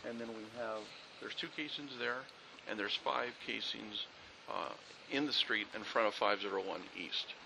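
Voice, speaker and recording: Gravelly man giving a methodical briefing. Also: fairly low pitch, normal speed, noisy background. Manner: methodical, factual, with fillers. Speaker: police officer briefing investigators. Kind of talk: on-scene incident briefing. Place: outdoors at a street scene.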